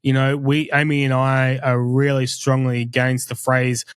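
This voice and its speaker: A man's voice: mid-range voice, completely flat delivery, clean tone, dry recording, studio quality. A man co-hosting a podcast, speaking candidly and earnestly with frequent restarts. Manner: earnest, confessional, halting with restarts. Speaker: podcast co-host. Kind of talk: candid conversational podcast talk.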